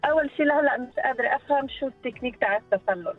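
A woman's voice: high-pitched, racing, faint music behind. A woman calling into a radio show, playfully asking questions between giggles. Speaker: radio caller. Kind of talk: call-in chat. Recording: tinny phone line.

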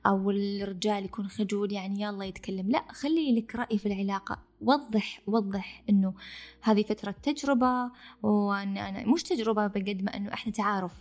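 A woman's voice: medium pitch, fairly even intonation, fast talker. A woman who co-hosts and counsels, giving direct advice in a podcast discussion. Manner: affirming, gives advice directly. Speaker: co-host and counselor.

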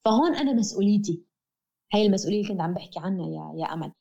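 A woman with a Levantine accent talks quickly as a guest in a reflective interview. Her tone is soft-edged and mellow, and she is earnest and emphatic, circling back to key phrases. The recording is slightly dull and lo-fi. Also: mid-range voice, expressive, gravelly. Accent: Levantine Arabic. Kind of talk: reflective explanatory conversation.

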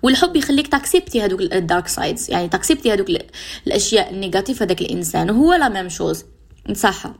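Fast-talking Algerian woman radio host. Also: medium pitch, sing-song. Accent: Algerian Arabic. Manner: mixes French and English words into dialect; addresses listeners directly, giving examples. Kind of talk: advice talk to listeners.

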